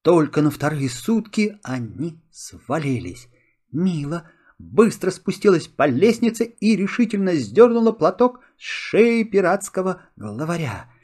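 Slow, expressive male storybook narrator. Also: fairly high pitch. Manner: expressive, first-person storyteller.

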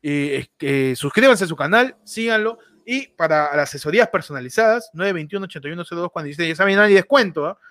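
A man hosting a podcast, joking excitedly and laughing as he plugs a friend's channel. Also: on the high side, fast talker, hardly any pauses, dry recording. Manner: excitable, laughing, playfully mock-amazed. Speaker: podcast host. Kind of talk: joking podcast banter with live promotion.

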